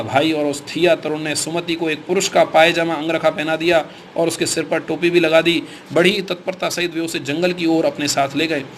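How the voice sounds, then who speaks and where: A man narrates an audiobook in a steady, formal reading style. His voice sits a little high for a man. Faint noise lies under the recording.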